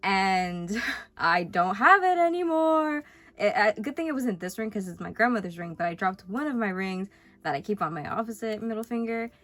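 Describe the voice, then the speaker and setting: A woman's voice: medium pitch, quick pace, no room sound. Young new girl, kinda sick, yapping about her sketchbook, rambly, keeps cutting herself off. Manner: chatty, rambling, self-interrupting. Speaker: vlogger. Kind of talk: casual rambling sketchbook tour.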